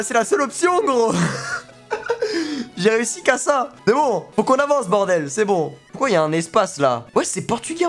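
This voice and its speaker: A young man streaming a video game, chatting casually in slang and joking as he plays. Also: high-pitched. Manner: slangy, joking, reacting aloud. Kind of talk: casual let's play commentary.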